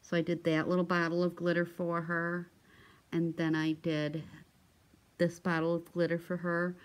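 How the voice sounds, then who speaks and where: A woman showing off craft supplies in a casual vlog, chatty and gushing, with many ums and restarts. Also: sits low. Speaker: crafting vlogger. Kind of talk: casual show-and-tell vlog.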